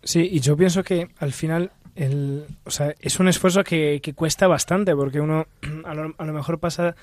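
Man, fairly high voice, thoughtful. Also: steady tone, normal speed, no echo. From Italy. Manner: thoughtful, searching for words. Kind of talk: religious radio discussion.

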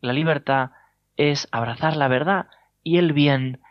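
Spanish priest preaching with playful humor. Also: male voice, a little high, a little slow, dry recording. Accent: Spain Spanish. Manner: humorous storytelling with chuckles. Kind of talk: sermon. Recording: dull lo-fi dry sound.

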